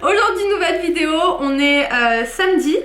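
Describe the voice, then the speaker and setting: A woman's voice: high voice, fairly quick, a bit bright. A woman chatting informally to the camera for a vlog, explaining things with many hesitations. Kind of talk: casual vlog chat to camera. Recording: faint background noise.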